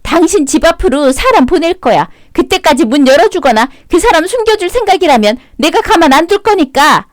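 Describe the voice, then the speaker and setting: A woman voicing an obsessive, clingy mistress in her forties who talks in a shrill, indignant, bossy way. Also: sing-song, fairly quick, hardly any pauses, dry recording, clean studio sound. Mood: shrill angry.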